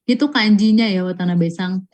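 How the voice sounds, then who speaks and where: A woman teaching a live online Japanese class, reading out student answers and stretching example words out slowly and patiently. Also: medium pitch, a little mellow. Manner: slow, patient, drawn-out pronunciation of example words.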